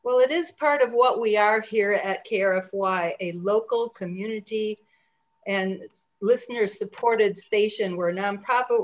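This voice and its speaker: Woman, radio host, slightly high pitch, conversational interviewing, encouraging and appreciative. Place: remote group video call.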